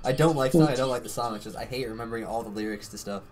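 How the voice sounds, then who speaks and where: A man's voice: mid-range voice, very fast, darkish tone. A young man hosting a casual live interview, rambling with lots of slang and laughter.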